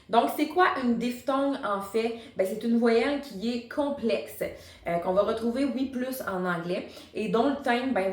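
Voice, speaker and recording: A woman who works as a singing teacher and vocal coach gives an online singing lesson in a chatty, explanatory way, using many fillers. Her mid-range voice has a roomy sound.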